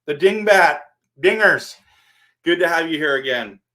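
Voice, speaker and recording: A man's voice: on the high side, expressive, unhurried, pushed and bright. A man hosting a casual live stream, rambling and answering his viewers by name while standing at his desk.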